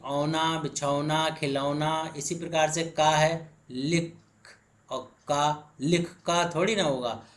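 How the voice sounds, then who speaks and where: A man teaching grammar, explaining slowly word by word and checking in often with the class. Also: on the high side, a bit bright. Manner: slow, drawn-out word-by-word explaining, frequent "ठीक है" check-ins. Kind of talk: blackboard lesson.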